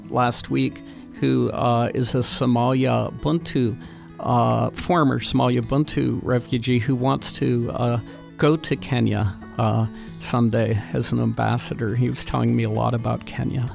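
A man hosting a radio interview, asking friendly questions with many "uh" pauses. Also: mid-range voice, gravelly, soft background music. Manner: friendly questioning, frequent "uh" fillers. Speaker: radio host interviewing young guests.

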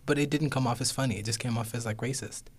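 A man's voice: mid-range voice, steady tone, fast talker. Teen boy chatting on youth radio. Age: teens. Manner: casual, lots of fillers. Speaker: student panelist. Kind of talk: casual discussion. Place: radio studio.

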